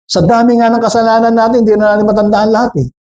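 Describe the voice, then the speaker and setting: A man's voice: high-pitched, little pitch movement, very fast, a little mellow, highs cut off. A man with a Filipino accent preaching a sermon, switching between Tagalog and English, questioning and joking with the congregation. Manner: jokes with the congregation.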